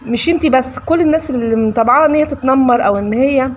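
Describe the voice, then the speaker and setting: A woman's voice: high voice, quick pace, slight background noise. A woman with an Egyptian accent, a cooking vlogger chatting casually to her viewers while she cooks, scolding and preachy, calling them her kids. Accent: Egyptian Arabic.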